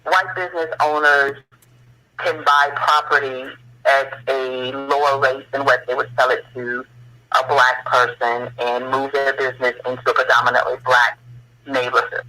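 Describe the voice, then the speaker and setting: A man's voice: medium pitch, little pitch movement, normal speed, pushed and bright, faint music behind, low-quality recording. A man speaking as a guest on a radio talk show, telling history in an earnest way that rises to impassioned questions.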